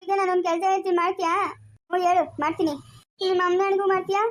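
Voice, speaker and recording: A sulky village wife. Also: female voice, very high voice, little pitch movement, racing. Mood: demanding. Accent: rural Chikkaballapur Kannada. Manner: scolding, whiny and demanding. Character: village wife craving festival sweets, sulky. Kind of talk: village comedy skit acting.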